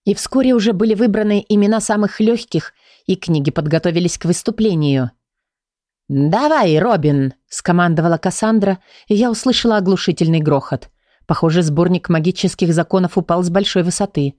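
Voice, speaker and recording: Audiobook narrator, woman, lowish voice, dry close mic. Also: brisk, a little mellow, no echo. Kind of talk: scripted narration.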